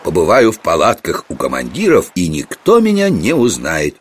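A man's voice: low-pitched, wildly swooping pitch, normal speed, slightly rough, exaggerated voice. A man voicing a bold, crafty monk who talks in a cocky, boastful way in a storybook reading. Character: bold, crafty male monk, brash and sly.

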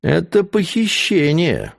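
A man's voice: fairly high pitch, big pitch swings, moderate pace, darkish tone. A man doing a sneering, drawling nobleman. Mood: mocking. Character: sneering scornful nobleman, cool and mocking.

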